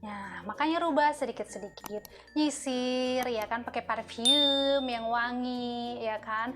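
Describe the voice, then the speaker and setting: High-voiced chatty woman giving advice. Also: takes it slowly, background noise. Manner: chatty, keeps tagging "ya kan?". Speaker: host giving marriage advice to wives. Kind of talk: casual advice talk.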